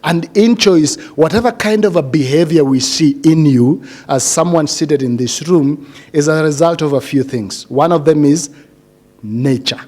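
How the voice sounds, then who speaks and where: Speaking unhurriedly in a fairly high, darkish voice, a middle-aged man from Kenya encourages a seated graduating cohort. He's earnest, repeating phrases frequently and asking his listeners questions.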